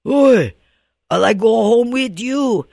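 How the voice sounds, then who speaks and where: A relentless severed head in a spoken ghost story, as a man puts it on. It calls in a high, loud, gravelly wail with a Hawaiian Pidgin accent. The sound is dry and close. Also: expressive, slow pace, dry recording, heavily acted. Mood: eerie calling.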